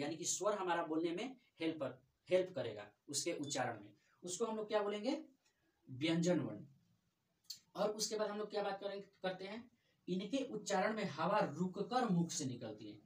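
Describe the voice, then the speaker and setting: Male teacher, explains grammar step by step, asks and answers, distant echoey recording. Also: high-pitched. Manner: asks questions then answers them himself. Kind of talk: grammar lesson. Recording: echoey room, distant mic.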